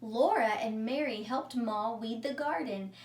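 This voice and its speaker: A woman teacher with a higher voice reads a story aloud to young children at an unhurried pace, using simple wording and asking her listeners questions. The room is echoey, the mic distant, with faint noise.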